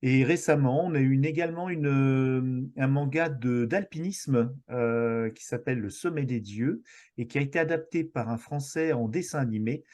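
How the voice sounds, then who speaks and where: Hesitant French podcast guest. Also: male voice, mid-range voice, normal speed, a little mellow. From France. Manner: hesitant, many fillers and restarts, enthusiastic. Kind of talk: casual podcast chat.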